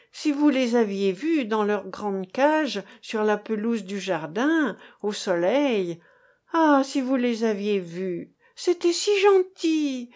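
A woman's voice: a little high, a bit bright, full character voice. A woman reader voicing a stout older village woman who shrieks insults and sobs her words out in broken pieces. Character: stout older woman, furious and tearful breeder.

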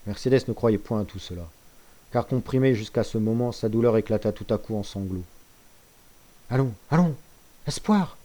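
A man reads a classic novel aloud as an audiobook, in a measured, steady narration. His voice is mellow and dark, with an unhurried, even delivery. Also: on the low side. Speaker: audiobook reader.

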